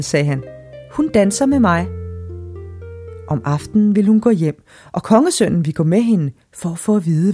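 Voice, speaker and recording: A woman narrating a fairy tale aloud in an expressive storybook reading style. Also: on the low side.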